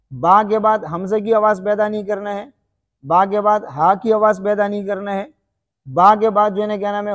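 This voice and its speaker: A man with a high voice teaches Quran recitation. He quizzes the listener and drills each letter sound aloud, over and over. His voice rings with a long, hall-like reverb.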